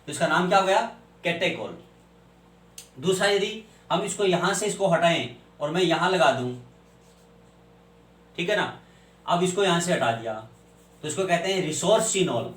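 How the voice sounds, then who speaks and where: This chemistry teacher, a man, lectures from a distance in an echoey room, answering his own questions and spelling names aloud. His high-sitting, slightly bright voice is animated, at normal speed, with frequent pauses.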